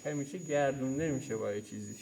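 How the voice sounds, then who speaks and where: A man's voice: mid-range voice, gravelly, a little mellow, a little hiss or hum, low-quality recording. A man teaching a hands-on mechanics lesson in a workshop, pointing at parts and repeating key terms. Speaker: mechanics instructor. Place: auto repair workshop.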